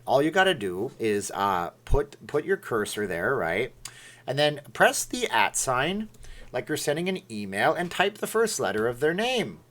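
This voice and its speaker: A man's voice: mid-range voice, fairly bright tone. A man hosting a casual livestream, rambling and reading viewer comments aloud. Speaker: livestream host. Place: Las Vegas.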